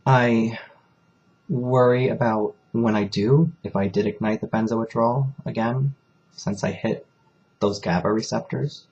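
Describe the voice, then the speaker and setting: A man's voice: medium pitch, fairly even intonation, a little slow, a little mellow, muffled recording. A man talking candidly in a personal confessional vlog, rambling and emotional as he speaks. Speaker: vlogger.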